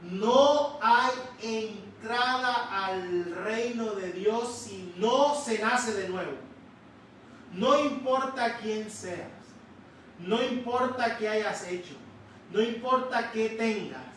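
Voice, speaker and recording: A man preaching a sermon in a church, slowly and emphatically, stretching out key words. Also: sits high, fairly bright tone, slight background noise. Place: church sanctuary. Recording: echoey church hall, distant mic.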